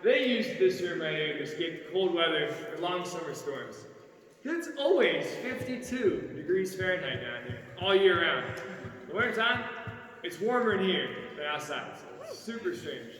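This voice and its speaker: Male cave guide, bright projected tour narration, recorded from a distance with long cavernous reverb. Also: high-pitched, big pitch swings. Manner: projected cave-guide delivery, explanatory, pausing between short phrases. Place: inside a large limestone cave.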